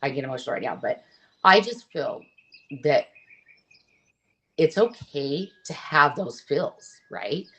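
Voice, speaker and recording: A middle-aged woman, a guest in an interview, talking openly and earnestly, often pausing and restarting her sentences. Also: deep voice, expressive, sharp tone, low-quality recording. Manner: earnest, open, halting with restarts. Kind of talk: candid conversational interview.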